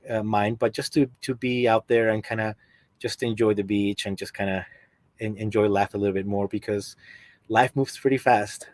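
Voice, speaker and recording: Speaking over a video call from his home basement, a middle-aged man from Peru talks casually about his collecting hobby as a podcast guest. He has a Peruvian accent and a fairly low voice, and the recording is dry.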